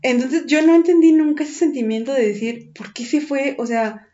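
A woman with a Mexican accent tells a personal story in casual chat, animated and full of slang and swearing. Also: high-pitched, moderate pace, highs cut off.

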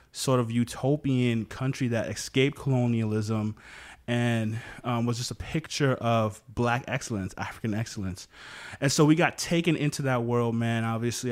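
A man hosting a casual discussion, relaxed, laughing easily and asking the panel questions. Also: medium pitch. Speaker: host.

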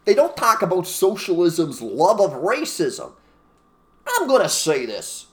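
Co-hosting a casual talk show, a man rants emphatically with strong opinions and mimics people in put-on voices. His voice is high, a little slow, and swings hugely in pitch.

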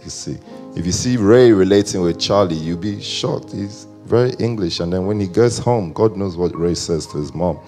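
Male pastor, chatty joking sermon delivery; low, gravelly, faint instruments underneath. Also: normal speed, mellow, faint music behind. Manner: conversational, joking, rambling asides.

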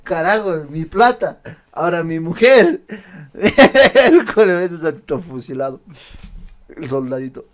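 Podcast co-host, man, slightly high voice, crude joking banter. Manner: crude joking interjections, quick riffs. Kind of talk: casual comedic banter.

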